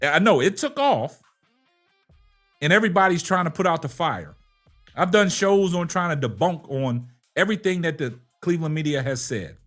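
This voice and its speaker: A man's voice: on the high side, lively intonation, normal speed, fairly bright tone, soft background music. A man hosting a sports talk show, emphatic and argumentative, firing rhetorical questions and checking in with short tags. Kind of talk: sports commentary and debate with a caller.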